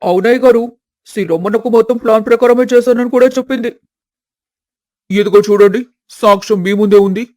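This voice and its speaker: A man voicing an obsequious servant in an animated family story. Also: high-pitched, fairly quick, long pauses, close to an everyday voice. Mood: eager. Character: headman's servant man, eager helper.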